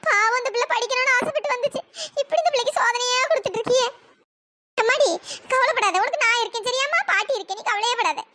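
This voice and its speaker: A voice actor playing a caring, worried old grandmother in a cartoon story, with a pitch-raised processed voice. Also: fast talker, sharp tone. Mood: soothing. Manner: soothing, worried, coaxing.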